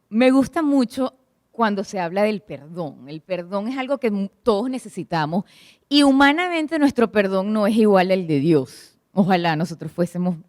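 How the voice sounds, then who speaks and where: The preacher, a woman at a church prayer meeting, has a medium-pitched, darkish voice. She puts questions to the congregation and tells stories expressively, captured in clean studio sound without room ambience.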